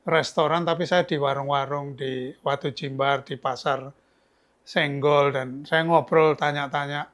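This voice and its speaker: A man's voice: fairly high pitch, steady tone, unhurried, fairly bright tone. An older man from Yogyakarta, a book's author, telling stories in a casual, chatty interview with frequent restarts. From Yogyakarta, Indonesia. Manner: chatty, storytelling, many restarts. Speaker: author guest.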